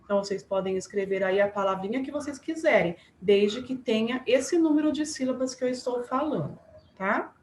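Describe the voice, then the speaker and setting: A woman teacher giving a remote class to young pupils, slow and patient, spelling words out syllable by syllable. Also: a little high, darkish tone. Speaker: primary school teacher. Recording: echoey room, faint background noise.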